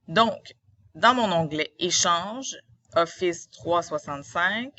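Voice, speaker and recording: A woman's voice: low voice, sharp tone, dull audio. A woman with a Quebec French accent, a teacher narrating a screen tutorial in a didactic, step-by-step way.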